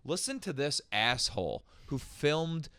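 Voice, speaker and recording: Man in his thirties, from long island, ranting comedy podcast host, swooping lively pitch, dry close sound. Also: measured pace, clear, resonant tone, no room sound. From Long Island, New York. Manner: animated ranting, peppers points with "okay?". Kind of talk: casual comedic chat.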